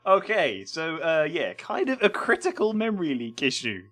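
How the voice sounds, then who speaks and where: A man's voice: on the high side, wildly swooping pitch, moderate pace, fairly bright tone, soft background music. A man casually reviewing games on a live stream, rambling and hesitant with lots of ums.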